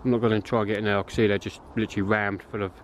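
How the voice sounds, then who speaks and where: Racing along in a fairly low voice with little pitch variation, this English vlogger explores a deserted farm's grounds and crumbling barns. He talks casually to his viewers and muses aloud as an urban explorer. Slight background noise is present.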